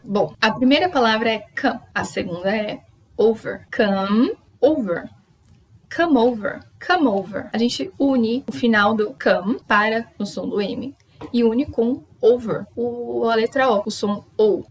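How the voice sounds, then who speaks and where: A young Brazilian woman giving a pronunciation lesson, explaining step by step and slowly repeating model words. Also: a little high, slight background noise, rough recording. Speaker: English teacher.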